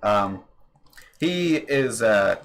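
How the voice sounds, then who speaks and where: Speaking extremely slowly, a young male podcast host chats casually over a voice call on a computer microphone. His voice is lowish, animated and a bit bright. The talk rambles, packed with fillers and casual swearing.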